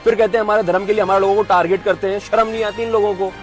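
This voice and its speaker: A woman's voice: medium pitch, steady tone, racing, soft background music. A woman delivering an angry, indignant political rant straight to camera. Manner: heated, indignant, repetitive.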